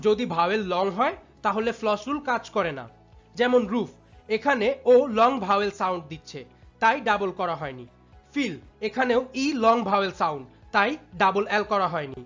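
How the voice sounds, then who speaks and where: A woman narrating a scripted spelling lesson in a measured, explanatory way, speaking directly to students. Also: medium pitch, a bit bright. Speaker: English spelling teacher. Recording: dull lo-fi sound with faint music.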